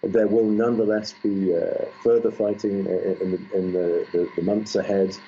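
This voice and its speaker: A deep, mellow-voiced man reporting live as a news correspondent, coming through a muffled, low-quality stream link. A faint hiss sits under his voice, and he talks haltingly with many fillers and restarts. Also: level tone. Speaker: foreign correspondent. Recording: muffled lo-fi line with faint noise.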